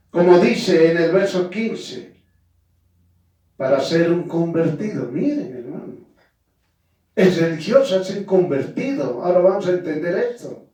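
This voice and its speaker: A man's voice: a little high, darkish tone. A man preaching a sermon and speaking firmly, often addressing his listeners directly. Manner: addresses listeners as "hermano", firm emphatic preaching. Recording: very echoey, from far off the mic.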